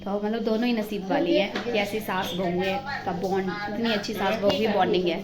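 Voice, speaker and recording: A woman's voice: mid-range voice, fairly even intonation, a little fast, a loud crowd, low-quality recording. Chatty young woman vlogging at home. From Himachal Pradesh, India. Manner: chatty and affectionate, talking to the viewers while doing chores. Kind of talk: casual home vlog chat. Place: home, indoors.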